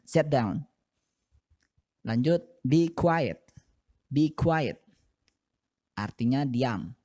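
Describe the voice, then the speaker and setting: A man's voice: mid-range voice, warm tone. A man with an Indonesian accent teaching English phrases in a lesson, repeating each one carefully to model pronunciation. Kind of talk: classroom-style language lesson.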